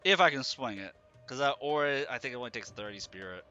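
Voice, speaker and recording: Bright, forceful man streaming a video game. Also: mid-range voice, lively intonation, fast, dull audio, faint music behind. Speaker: livestream gamer host. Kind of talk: gaming commentary, thinking aloud.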